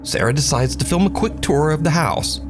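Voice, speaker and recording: With a fairly high voice, lively intonation, and a moderate pace, a man delivers scripted narration for a countdown of viral videos. His storytelling is dramatic and playful, set against background music.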